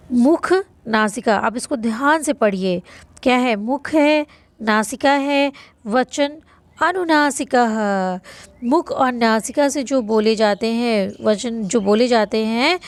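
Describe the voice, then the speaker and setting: Woman grammar teacher, high-pitched, slow and patient, repeats each rule. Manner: patient, repeats rules, asks and answers own questions; stretches vowel sounds to demonstrate length. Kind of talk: online lesson explaining notes.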